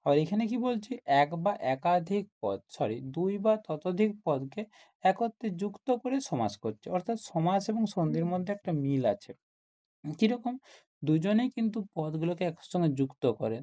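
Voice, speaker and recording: A man's voice: on the high side, mellow, dull audio. A man teaching a grammar lesson to school students, explaining step by step and often asking questions like "isn't it?".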